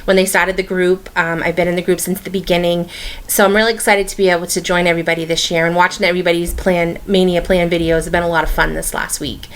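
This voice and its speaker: A woman with a Boston-area accent talks through her hobby plans in a relaxed, rambling vlog. Her voice sits a little low, and she fills her talk with ums and quick restarts. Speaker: stitching vlogger. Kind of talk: casual hobby vlog chat.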